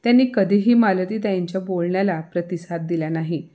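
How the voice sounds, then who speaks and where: A woman narrates a family moral story in a steady, even manner. Her voice sits a bit low for a woman. The telling is scripted and unhurried in feel.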